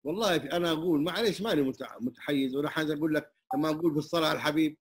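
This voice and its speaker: An older Hijazi man talks with quick, earnest warmth, scattering pious phrases through his speech. His voice is husky and sits fairly high for a man. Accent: Hijazi Arabic. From Saudi Arabia. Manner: humble, emphatic, many religious phrases. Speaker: interviewee, traditional singer and muezzin. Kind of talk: open conversation. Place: neighborhood community hall.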